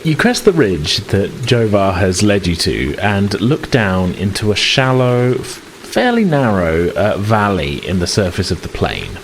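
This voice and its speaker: His voice sits on the low side with big pitch swings, delivered at a measured pace with few pauses and a little hiss or hum. He's a game master improvising a tabletop roleplaying game, conversational and slightly hesitant, over loud music and rain sound effects.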